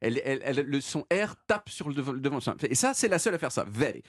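Playful husky-voiced male radio columnist. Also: mid-range voice, animated, fast, no echo, studio quality. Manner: playful, self-mocking, explanatory. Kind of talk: humorous radio segment.

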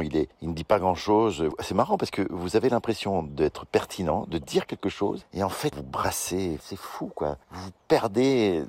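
A man's voice: low-pitched, darkish tone. A man in a comic radio sketch replying to a voicemail, dry, teasing and mock-concerned. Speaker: comedian answering a voicemail.

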